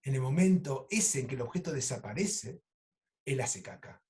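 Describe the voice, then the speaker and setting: A man with an Argentine Spanish accent, a psychoanalyst lecturing over a video call and telling clinical cases in a lively, animated way. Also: mid-range voice, moderate pace. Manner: animated storytelling, acts out quoted lines. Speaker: psychoanalyst teaching an online course.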